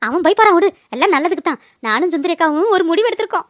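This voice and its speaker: A woman's voice: very high voice, expressive, rapid-fire, a bit bright, no room sound. A woman voicing a stern village mother who lectures and scolds her children, in a cartoon. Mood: scheming chat. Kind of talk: cartoon voice acting.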